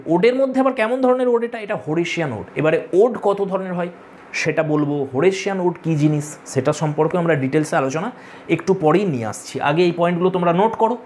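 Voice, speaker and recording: A man's voice: sits high, darkish tone, slight background noise. A man teaching literature to exam students in a lecture, explaining step by step, repeating key points and telling students to take notes. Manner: addresses students directly, tells them to take notes. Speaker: literature tutor.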